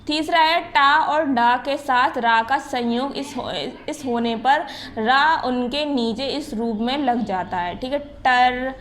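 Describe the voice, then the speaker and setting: Woman teacher, fairly high voice, patient explainer who drills letter sounds one by one, light hiss under the recording. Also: a bit bright. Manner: explains step by step, repeats terms, sounds out letters slowly; often checks in with the class. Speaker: school teacher. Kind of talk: recorded Hindi grammar lesson.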